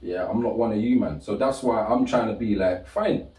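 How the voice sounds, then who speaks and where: A young British man talks casually on a podcast, animated and full of slang, his voice leaping up when he retells stories. The tone is mellow. He sits back from the mic in a roomy space. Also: on the low side, fairly quick, distant mic. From Britain. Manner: animated, heavy slang, rises sharply when telling stories. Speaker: podcast co-host. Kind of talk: casual chat.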